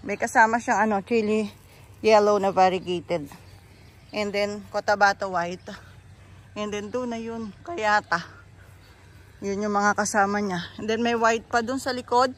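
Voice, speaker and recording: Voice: mid-range voice, fairly even intonation, a little slow, long pauses. A chatty plant seller, walking through a garden and pointing out plants one by one. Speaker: bougainvillea seller giving a garden tour. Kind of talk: casual garden walkthrough vlog.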